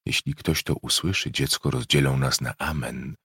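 A man voicing an old, grim but protective enslaved African woman in a slow, hushed whispered role-play. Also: extremely low pitch, husky, no echo, studio quality, full character voice. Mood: tender.

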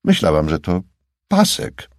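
A man's voice: low-pitched, wildly swooping pitch, unhurried, no room sound, full character voice. A man voicing a wry, exasperated woman detective in an audiobook, with a dry, sarcastic manner.

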